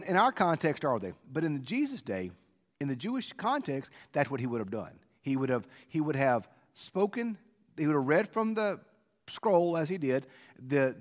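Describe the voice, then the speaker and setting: A male preacher giving an informal, conversational devotional on scripture in a halting way, his voice echoing through a church sanctuary like a cathedral. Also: mid-range voice. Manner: conversational, halting with repeated words. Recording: echoey church sanctuary, long reverb.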